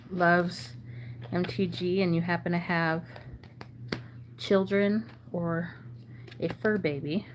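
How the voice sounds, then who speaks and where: A woman chatting casually and haltingly as a channel host, her throat sore and swollen-sounding, often needing clearing. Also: on the low side. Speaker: trading card channel host. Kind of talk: casual chat while sorting cards. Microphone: phone camera. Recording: noticeable background noise.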